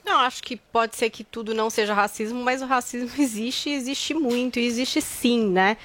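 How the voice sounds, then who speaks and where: A woman's voice: on the high side, normal speed, fairly bright tone. A woman on a debate panel, earnest and conciliatory.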